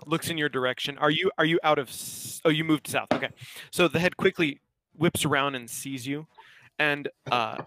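A man narrating as game master of a tabletop game, describing a creature with many pauses and restarts. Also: on the high side, a bit bright. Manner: hesitant, many restarts and fillers.

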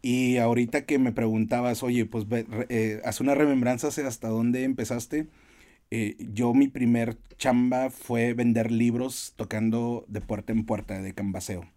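A man's voice: mid-range voice, fairly even intonation, normal speed, dark tone. A Mexican man in his forties, a podcast guest telling anecdotes with frequent fillers and restarts. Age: 40s. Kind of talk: casual podcast interview.

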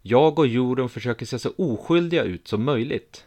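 A man calmly reading a first-person story aloud in an even, measured way. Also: medium pitch. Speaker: narrator.

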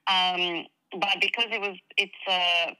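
A woman's voice: fairly low pitch, little pitch movement, unhurried, bright, forceful tone, clear, resonant tone, poor audio. A young woman from Croatia with a Croatian accent, answering interview questions hesitantly with many fillers. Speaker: guest actress. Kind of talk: casual interview chat.

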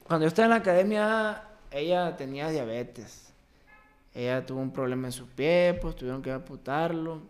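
A young man from Mexico, a baseball player, telling a personal story as a podcast guest, with an emotional, halting delivery and many restarts. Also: fairly high pitch. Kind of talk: casual interview storytelling.

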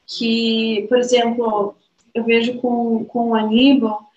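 A woman's voice: fairly high pitch, level tone, slow pace, darkish tone. A woman co-hosting a podcast, talking reflectively in casual chat. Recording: roomy, slightly dull sound.

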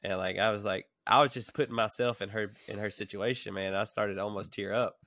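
A man's voice: fairly low pitch, fairly even intonation, fairly quick, fairly bright tone, no echo, studio quality. A man co-hosting a casual podcast chat, rambling and laughing between thoughts. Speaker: podcast co-host.

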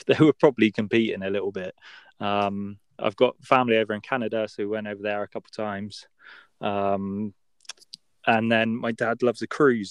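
A young man with a West Country English accent talks in a fairly low voice, recorded dry and close. He chats casually in British slang, drawing out his long A vowels. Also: smooth, no room sound. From West Country, England. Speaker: podcast speaker. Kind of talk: casual chat, telling travel anecdotes.

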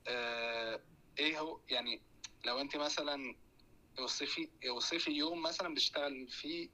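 A man with an Egyptian accent hosts a relaxed audio chat and asks his guest questions. His voice has a very sharp, tense edge, and his words come out quickly. He sounds like he is on a phone mic. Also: on the high side, low-quality recording. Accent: Egyptian Arabic. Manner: easygoing, explaining, asks questions. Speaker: host. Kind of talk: casual interview chat in an audio room.

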